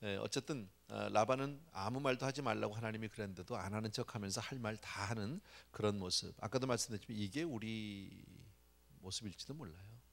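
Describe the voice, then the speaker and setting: Low, gravelly male pastor preaching. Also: fairly quick. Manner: conversational preaching, often says "yes" between phrases. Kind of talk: sermon. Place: church prayer meeting.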